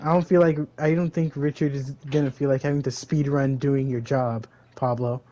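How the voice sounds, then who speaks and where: A man's voice: mid-range voice, fairly even intonation, normal speed, warm tone, dull audio. A young man co-hosting a podcast, chatting casually with a laid-back, teasing, slangy manner. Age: young adult. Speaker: podcast co-host. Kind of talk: casual chat.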